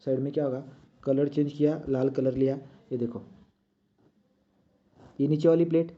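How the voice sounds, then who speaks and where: Over dull, lo-fi audio, a man narrates a drawing lesson as he sketches, checking often with "right?" His mellow, medium-pitched voice moves at a normal pace with fairly even intonation.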